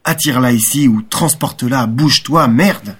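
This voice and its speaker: A man's voice: medium pitch, normal speed, fairly bright tone, slightly rough. A man reading a young romantic's impassioned, ironic inner monologue. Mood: exalted. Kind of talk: audiobook reading.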